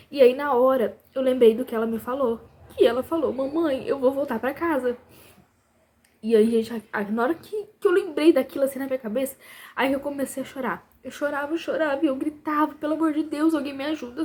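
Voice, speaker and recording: A woman's voice: fairly high pitch, mellow, slightly rough. Tearful mother recounting a scare. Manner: tearful, breathless, many repetitions and pleas to the viewers. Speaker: mother telling her family's story. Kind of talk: emotional personal testimony.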